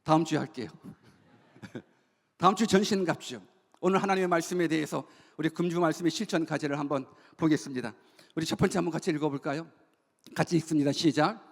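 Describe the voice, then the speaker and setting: A man's voice: fairly high pitch, fairly even intonation, quick pace, gravelly. A male pastor preaching a sermon to his congregation, posing rhetorical questions and leading them in call-and-response repetition. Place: church sanctuary. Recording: long church hall reverb.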